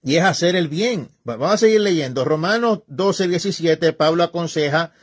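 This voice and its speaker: Fervent, scolding male preacher, fairly high voice. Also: normal speed. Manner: emphatic, scolding, colloquial. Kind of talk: informal preaching talk.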